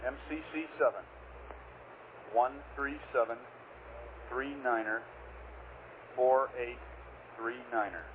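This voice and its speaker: Give me a man on a radio link, a mission control communicator reading numbers slowly and deliberately. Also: medium pitch. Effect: heard over a radio link. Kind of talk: radio air-to-ground exchange. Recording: tinny radio transmission with faint noise.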